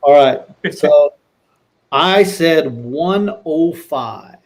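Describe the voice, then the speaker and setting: A man chatting casually as a livestream panelist, plainspoken and halting. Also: a little high, expressive, darkish tone. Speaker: livestream panelist tasting bourbon. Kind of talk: casual chat.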